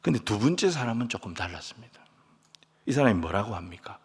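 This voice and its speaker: A man preaches a sermon in a large church sanctuary, and his voice carries a long reverb through the hall. His delivery is lively and emphatic, dropping to soft near-whispers and then climbing to loud, stressed lines. Now and then he leads the congregation in reading scripture aloud. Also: on the low side, fast talker, slightly rough. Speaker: pastor.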